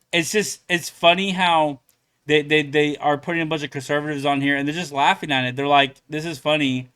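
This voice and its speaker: A man's voice: a little high, a bit bright, clean tone. A young man hosting a reaction channel, rambling casually with many fillers and laughs. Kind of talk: casual commentary.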